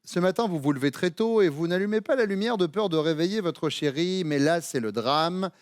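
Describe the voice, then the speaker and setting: A man's voice: a little high, expressive, smooth, dry recording. A man hosting a TV game show in a studio, playful and teasing. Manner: playful, teasing, quick to laugh.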